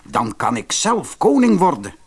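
A man's voice: on the high side, wildly swooping pitch, a little slow, vocal fry, slightly rough, pitched above the performer's own voice, full character voice. A man voicing a proud, ambitious eldest prince in a storybook reading. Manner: haughty and curt.

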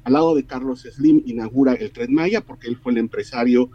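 A man's voice: medium pitch, brisk, husky, dry recording, muffled recording. A middle-aged man from Mexico giving earnest weekly political commentary in a radio interview, often repeating words as he builds his point.

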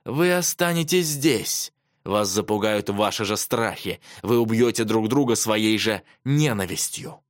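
A man voicing a menacing ghostly horseman who hisses slow threats in an audiobook. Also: on the low side, animated, no echo, clean studio sound. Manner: hissing, slow and drawn out.

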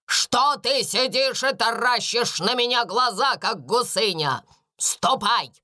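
A woman voicing a stern older schoolmistress who snaps out scornful commands, slow and high. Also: animated, bright, forceful tone, heavily acted. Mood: harsh, angry.

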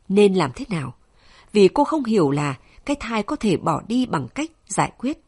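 A woman narrating a novel with an expressive, emotional reading. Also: medium pitch, slightly rough. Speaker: audiobook narrator.

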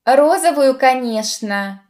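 A woman's voice: a little high, animated, moderate pace, a little mellow, pitched above the performer's own voice, close to an everyday voice. A woman doing a wry, teasing young man.

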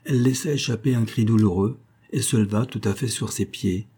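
Male audiobook narrator, measured and steady, mellow dark timbre. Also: fairly low pitch, slightly rough.

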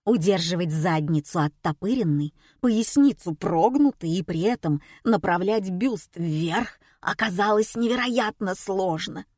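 Brief: woman audiobook narrator, wry and measured, slow delivery. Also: fairly low pitch, expressive, darkish tone, no echo, studio quality. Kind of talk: first-person story narration.

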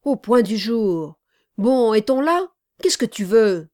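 A woman voicing a coarse male accomplice who answers in mumbled, gruff retorts. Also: mid-range voice, a little fast, no echo, clean studio sound, natural voice.

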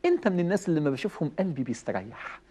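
Man, Egyptian accent, preacher, lively pitch, rapid delivery, chatty religious talk. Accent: Egyptian Arabic. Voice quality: animated, conversational, laughs often.

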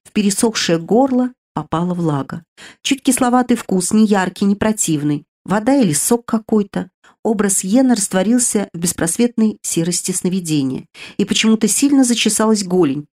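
A woman's voice: mid-range voice, expressive, normal speed, dark tone. Woman reading a fantasy audiobook. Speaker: audiobook narrator. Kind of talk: first-person fantasy narration.

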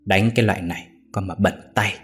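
A cruel, scheming daughter-in-law, put on by a male narrator, sneering and sharp-tongued with a slightly raised voice. A storybook villainess full of mockery, faint music in the background. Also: low-pitched, fairly even intonation, quick pace. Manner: sneering, mocking.

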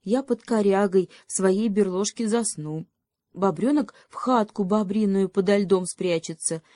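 Woman doing a male hedgehog, sensible, fretful, reasoning, mellow tone. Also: mid-range voice, no room sound, lightly acted. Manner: thoughtful, reasoning, sighing.

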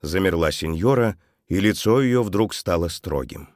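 Male narrator, low voice, calm storybook reading, dry studio. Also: measured pace, no echo. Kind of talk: audiobook narration.

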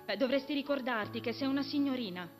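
A woman's voice: sits high, fast talker, faint music behind, natural voice. A woman voicing a proper eldest sister, a young woman who talks in a prim, lecturing way. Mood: scolding.

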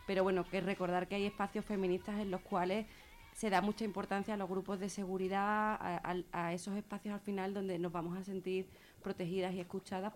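Her voice is mid-range with a darkish tone. Appearing informally as a radio guest on feminist therapy and gender violence, this woman with an accent from Spain reflects as she explains and repeats words to stress them.

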